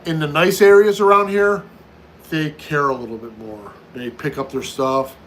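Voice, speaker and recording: The rough recording captures an American livestream host in his fifties, casually answering one viewer question after another and often saying things twice. His voice is on the high side and fairly bright, with fairly even intonation and a moderate pace.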